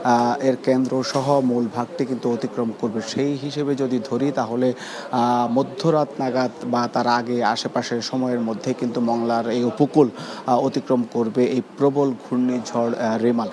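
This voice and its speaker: A man's voice: mid-range voice, little pitch movement, moderate pace. Male correspondent reporting over background chatter. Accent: Bangladeshi. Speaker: special correspondent. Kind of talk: unscripted live news report.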